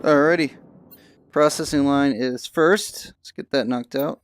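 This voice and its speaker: A man's voice: mid-range voice, unhurried, smooth, faint music behind. A man streaming a game with casual live commentary, muttering reactions to himself.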